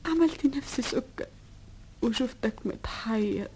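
A woman's voice: on the high side, expressive, a little slow, a little mellow, slight background noise. An actress with an Egyptian Arabic accent playing a lovesick princess earnestly confessing her deception. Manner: earnest, remorseful.

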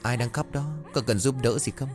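A man's voice: medium pitch, fairly quick, soft background music, pitched above the performer's own voice, lightly acted. Polite young male worker, a bit drunk, helpful and questioning acted by a male narrator, audio horror tale. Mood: puzzled, helpful.

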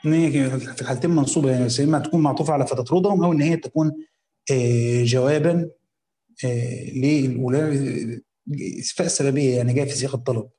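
A man with an Egyptian accent reading a classical religious commentary aloud, slowly voicing the text, then explaining it in casual colloquial asides. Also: medium pitch, mellow, echoey room, soft background music. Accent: Egyptian Arabic.

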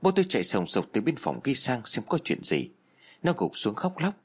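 A man narrating a horror story aloud, with expressive, varied delivery. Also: medium pitch, normal speed, slightly rough. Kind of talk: dramatic horror story reading. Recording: soft music underneath.

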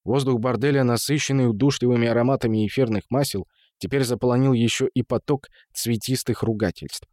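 A man reading an audiobook in measured storytelling, voicing the characters. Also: mid-range voice, steady tone, darkish tone, no echo, studio quality. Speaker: narrator. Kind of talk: audiobook narration.

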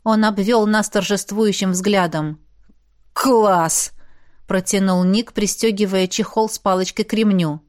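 A woman narrating a first-person fantasy audiobook in a steady, expressive reading. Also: mid-range voice, moderate pace, hardly any pauses.

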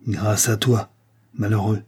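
A man's voice: on the low side, unhurried, warm tone, slightly rough. A man voicing a stubborn, grim Breton servant with a grave, menacing manner. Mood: furious.

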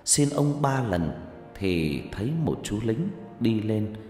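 A man narrating a first-person story in a lively, conversational way. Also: lowish voice, takes it slowly. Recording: echoey room with faint music.

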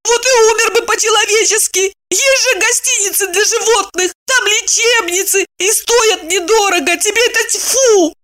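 A shrill, sobbing wife. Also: female voice, a little slow, few pauses, a bit bright. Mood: pleading. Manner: wailing and sobbing, high-pitched squeals. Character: tearful, shrill middle-aged wife pleading for a stray dog. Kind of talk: storybook reading.

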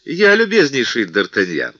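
A man's voice: medium pitch, wildly swooping pitch, normal speed, sharp tone, no echo, muffled recording, full character voice. A man reading the part of a timid, gloomy middle-aged prison governor who talks in a mournful way.

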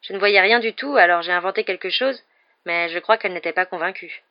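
A man voicing an indignant teenage wizard boy who speaks loudly and heatedly. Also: high voice, fairly quick, no room sound, highs cut off, lightly acted. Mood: angry, glum. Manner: loud and heated.

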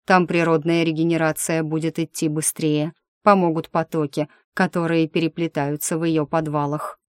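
A woman voicing a soft-spoken wounded dragon-man. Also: sits low, flat delivery, normal speed, clean tone, no echo, clean studio sound, lightly acted. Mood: tender. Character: wounded male dragon-shifter, tender and calm.

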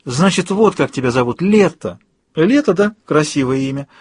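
A man reading an audiobook, voicing a gentle young woman softly coaxing a patient to wake. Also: fairly high pitch, animated, moderate pace, breathy edge, no room sound, pitched above the performer's own voice. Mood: hopeful. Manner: soft, coaxing, encouraging.

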